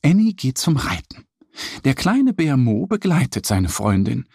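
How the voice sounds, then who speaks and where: A man narrating a children's story in a slow, lively, slightly husky voice. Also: mid-range voice, dry recording, clean studio sound.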